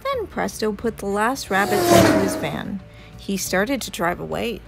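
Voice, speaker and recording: A woman reads a children's story aloud as an expressive storyteller. Her medium-pitched voice is gravelly and a little slow, and loud music plays over it.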